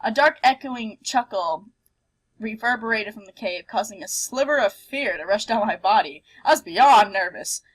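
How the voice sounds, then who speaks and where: A playful, expressive woman hosting a let's play, switching between reading game text aloud and casual commentary. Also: medium pitch, moderate pace, rough recording.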